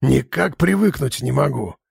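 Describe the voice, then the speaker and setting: Male narrator doing a grumbling orc shaman, gravelly and hoarse-edged, bossy. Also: mid-range voice, expressive, normal speed, a little mellow, dry recording, studio quality, full character voice. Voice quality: gravelly, husky. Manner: grumbling, commanding. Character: gruff old male orc shaman, stern. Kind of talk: audiobook character voice.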